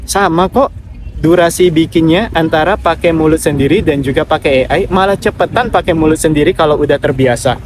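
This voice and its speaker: A man's voice: on the high side, a little fast, a little hiss or hum. A man hosting a casual live Q&A, giving direct advice and reading out viewer comments. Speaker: affiliate marketing livestreamer.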